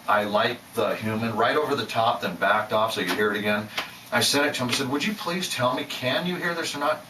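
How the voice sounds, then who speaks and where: A man's voice: lowish voice, bright, forceful tone, echoey room, far from the mic, low-quality recording. Host, man, restless self-doubting talker, set back from the mic with a faint room hum. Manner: rambling, self-doubting, many restarts. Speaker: channel host. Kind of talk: rambling casual monologue.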